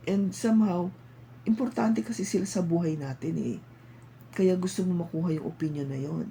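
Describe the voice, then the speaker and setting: Gravelly, dark-voiced Filipino tarot reader. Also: medium pitch, normal speed, slight background noise, rough recording. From Philippines. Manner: chatty, coaxing, asks frequent tag questions. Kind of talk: casual tarot reading.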